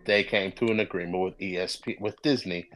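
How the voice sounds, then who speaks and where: A man co-hosting a podcast, talking casually and excitedly, often wandering off into side notes. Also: sits low, brisk, faint music behind. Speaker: podcast co-host. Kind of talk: casual chat.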